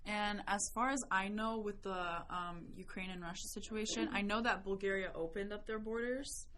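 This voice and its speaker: A woman's voice: medium pitch, fairly even intonation, fairly bright tone, slight background noise. Chatty teenage girl guest. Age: teens. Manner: chatty, quick to agree, full of fillers. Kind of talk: casual chat.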